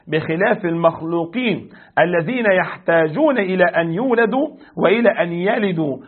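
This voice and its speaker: A man with an Egyptian Arabic accent teaching a religious lesson as a sheikh. He explains slowly, recites verses and quizzes his class. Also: high voice, husky, narrow, tinny audio. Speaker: sheikh teaching a creed text.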